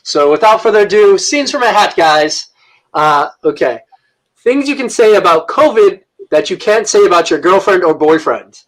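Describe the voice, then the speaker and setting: A man hosting improv comedy games over a video call. He halts often and pads his lines with fillers. His voice sits fairly high. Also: animated, poor audio. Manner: halting, lots of fillers, laughing. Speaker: host.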